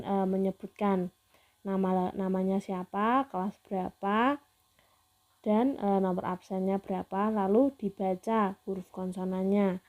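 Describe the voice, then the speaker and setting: A woman teaching a Mandarin lesson to students, slowly modeling sounds for them to repeat. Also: mid-range voice, mellow, lo-fi sound. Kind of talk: online class lesson.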